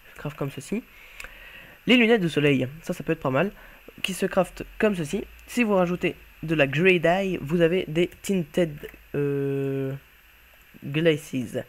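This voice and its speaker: Man, slightly high-pitched, casual gameplay commentary, offhand, thinking aloud. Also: a little slow. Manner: offhand and chatty, thinking aloud while playing. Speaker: YouTuber showcasing a game mod.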